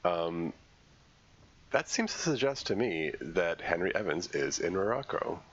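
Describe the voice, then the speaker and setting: A congested man with a cold streams a game, commenting live and thinking aloud haltingly as he works through puzzles. His voice is deep and sing-song, with dull audio and a little hiss or hum.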